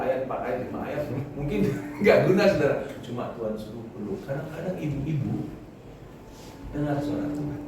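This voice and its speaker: A man's voice: mid-range voice, background noise. Middle-aged man, pastor, casual storytelling sermon; distant mic, heavy hall echo. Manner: casual storytelling sermon with quoted voices and laughs. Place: church hall. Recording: echoey hall, voice from far off.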